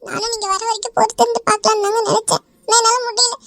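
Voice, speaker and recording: A performer doing a frantic cartoon mother with a piercingly high, squeaky voice. She pleads and sobs in a rapid rush of words. The recording is close and dry. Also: little pitch movement, vocal fry, fairly bright tone, dry recording, faint music behind, exaggerated voice. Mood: tearful pleading. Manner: pleading, sobbing. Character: distraught mother, middle-aged woman, tearful. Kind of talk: animated cartoon dialogue.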